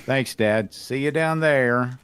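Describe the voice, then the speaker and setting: A man reading as a flustered grown son who gives his lines in a hurried, matter-of-fact way. The voice stays in a middle pitch, close to an everyday speaking voice. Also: background noise, lightly acted. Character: adult son, flustered and calm. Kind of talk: comedic fanfiction reading.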